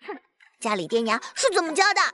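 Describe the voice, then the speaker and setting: A woman's voice: high-pitched, sing-song, fast, pushed and bright, exaggerated voice. A woman voicing a bossy, fierce little girl who scolds indignantly in an audio drama.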